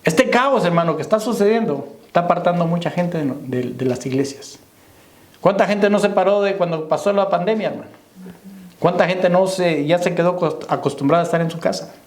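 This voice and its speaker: A man's voice: sits high, a little fast. A man preaching a sermon as pastor, calling out to the brethren and asking if they understand. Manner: preaching to the congregation, repeating "hermano" and "¿me entiende?". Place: church. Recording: echoey church hall.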